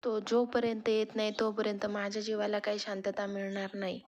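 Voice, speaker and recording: A woman's voice: mid-range voice, monotone, brisk, darkish tone, lo-fi sound, natural voice. A woman reading the lines of a worried middle-aged mother who frets over her son. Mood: anxious.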